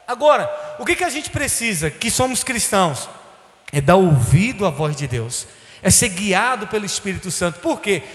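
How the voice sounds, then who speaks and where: High-voiced bishop preaching in an echoey hall. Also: male voice. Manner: humorous, conversational, animated preaching with quoted dialogue. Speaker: bishop and pastor. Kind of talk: sermon with storytelling. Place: church.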